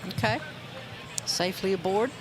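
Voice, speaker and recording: Golf commentator, male, slightly high register, informal analyst delivery, noticeable outdoor course ambience. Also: moderate pace, noisy background. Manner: casual, unscripted asides.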